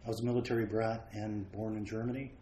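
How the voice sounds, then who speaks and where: A man raised around the United States, a painter guest, telling frank, self-deprecating stories about his life in a relaxed way. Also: lowish voice, fast, crowd noise. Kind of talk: relaxed anecdotal storytelling. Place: large home studio. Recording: roomy studio with faint ambience.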